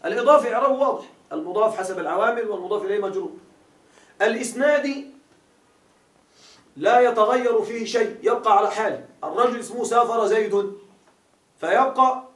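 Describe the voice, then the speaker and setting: A man's voice: high voice, quick pace, long pauses. A man teaching a grammar class, quizzing his students with repeated questions as he explains. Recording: echoey room, mic far off.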